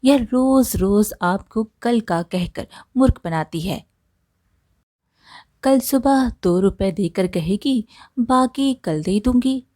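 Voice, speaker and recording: Scornful, grumbling storybook wife, read by a woman; slow, close and dry. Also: mid-range voice, animated, warm tone, dry recording. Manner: complaining, scornful. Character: grumbling, sharp-tongued woodcutter's wife.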